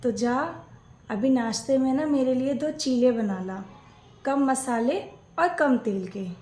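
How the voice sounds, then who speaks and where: A woman's voice: sits high, slow, mellow, roomy sound. A woman acting out a scripted family skit, playing both a mother-in-law and a daughter-in-law.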